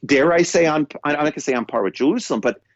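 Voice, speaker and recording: A man's voice: fairly high pitch, fast, no room sound, muffled recording. A man with a New York accent, co-hosting a podcast in a casual, rambling chat with many restarts and stammers. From New York State. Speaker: podcast co-host. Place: London.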